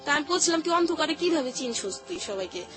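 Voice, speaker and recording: A woman with a Bangladeshi accent, her voice high-pitched and sing-song, talks at a quick pace. She's an interview guest giving a personal account, explaining things in colloquial, repetitive phrases while background music plays behind her.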